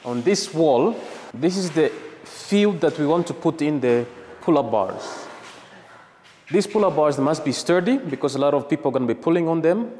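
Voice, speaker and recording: A man's voice: fairly high pitch, lively intonation, moderate pace, a little mellow, big-room sound, a little hiss or hum. A man in his thirties, a gym owner, explaining his renovation step by step in a casual vlog. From Rwanda. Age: 30s. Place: gym under construction, indoors.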